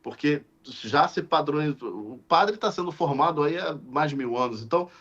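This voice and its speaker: Animated deacon telling a story. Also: male voice, a little high, normal speed. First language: Portuguese. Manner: animated, acts out quoted dialogue, frequent restarts. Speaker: deacon, podcast guest. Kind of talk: storytelling in casual conversation. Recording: slightly muffled lo-fi audio.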